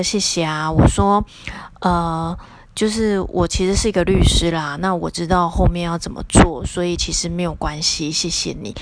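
A woman's voice: on the low side, a little hiss or hum. A woman with a Taiwanese Mandarin accent, a lawyer hosting her own podcast, telling a personal story in a casual, chatty way. Her voice climbs sharply whenever she relives an indignant moment.

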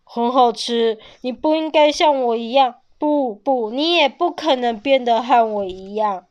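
A gruff, stammering tyrannosaurus dad, played by a woman reading aloud, loud and blustery yet tender underneath. Her voice stays fairly high even while booming, fitting a picture-book tale. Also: a little slow, dull audio, lightly acted. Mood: solemn. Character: gruff but tender male tyrannosaurus father.

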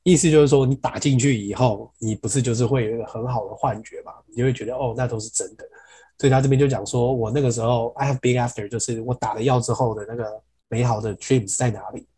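A man teaching English in a podcast lesson. He reads song lyrics slowly, repeats words to show how they are pronounced, and explains each line in detail. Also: mid-range voice, steady tone, dark tone, slightly rough, rough recording.

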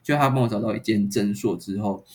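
A man, hosting a podcast and retelling a story in a casual, animated and exasperated way. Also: on the low side, fast. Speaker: podcast host.

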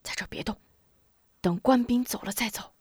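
A woman's voice: on the high side, brisk, a little mellow, breathy edge, no room sound, clean studio sound. Brief: fearless old male swordsman, hearty and defiant, voiced by a woman narrator. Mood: calm. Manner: bold, hearty.

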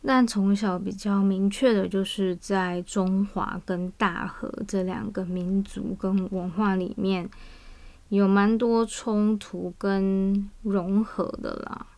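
A woman with a Taiwanese Mandarin accent hosts a casual personal podcast monologue, her voice weak and under the weather from vaccine side effects. She speaks slowly in a medium-pitched, steady, darkish tone.

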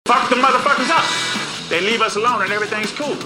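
A defiant activist leader fires off his words fast, with a profane edge. His voice sits high and pushes hard. The film audio is heard from a distance under a loud score. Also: loud music behind the voice. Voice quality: forceful, profane, rapid-fire. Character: fiery male political activist leader, defiant.

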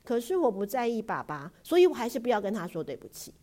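A woman's voice: sing-song, fast. A woman doing a stubborn little girl. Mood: sulky. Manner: loud, protesting, high-pitched.

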